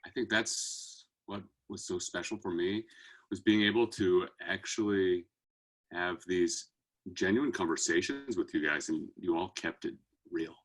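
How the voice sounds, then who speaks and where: A very low-pitched man in his thirties with a bright, forward tone. He speaks earnestly on a video call, pausing often with fillers as he gathers his thoughts. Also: low-quality recording. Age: 30s. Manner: earnest, hesitant, many fillers. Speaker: guest singer. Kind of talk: casual video-call chat.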